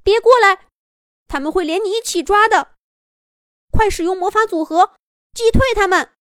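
Brave little storybook rabbit, high and excited, shouting to a friend; a woman puts it on. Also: normal speed, no room sound, studio quality. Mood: urgent. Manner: urgent, shouting.

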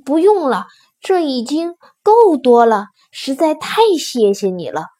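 A woman's voice: high-pitched, sing-song, unhurried, mellow, heavily acted. A woman voicing an honest, modest young man who speaks politely and gratefully.

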